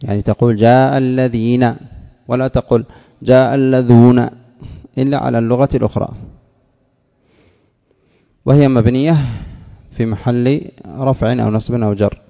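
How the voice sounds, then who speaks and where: A man teaching a grammar lesson, explaining a text in a measured way and repeating phrases to drive each point home. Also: medium pitch, creaky. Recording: dull lo-fi sound with long hall reverb.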